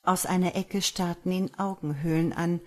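A woman narrating a dark fairy tale in German, reading in a measured, dramatic way. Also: on the low side, fairly even intonation. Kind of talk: storytelling audiobook narration.

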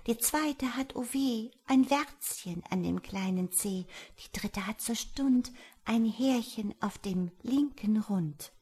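A tiny, clever fly, voiced by a woman reading a storybook, speaking in a soft, half-whispered, singsong voice. Her voice sits higher than the narrator's and has a breathy edge. It sounds gentle and knowing. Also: takes it slowly. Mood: rhyming.

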